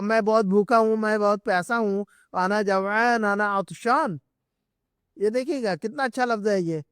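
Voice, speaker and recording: A man with a notably high voice teaches a live Arabic grammar class at an Islamic centre, explaining patiently and repeating himself. He drills each word slowly and often stops to check that students are following, in a close, dry recording with almost no room echo.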